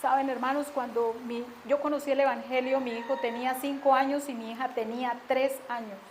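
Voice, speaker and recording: A middle-aged woman preaching a sermon and telling her own testimony, earnest, swinging from hushed confessions to emphatic declarations. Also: sits high, fairly even intonation, fairly quick, a little hiss or hum.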